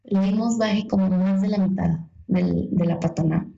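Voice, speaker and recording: Gravelly-voiced Mexican woman telling a story. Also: mid-range voice, normal speed, highs cut off. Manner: lively, self-mocking storytelling with voiced quotes. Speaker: guest storyteller. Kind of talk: casual anecdote.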